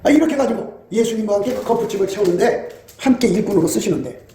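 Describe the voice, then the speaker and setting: A man's voice: high voice, lively intonation, fast, mellow, echoey room, slight background noise. A man preaching a sermon in an emphatic, scolding way, acting out quotes as he goes. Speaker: pastor.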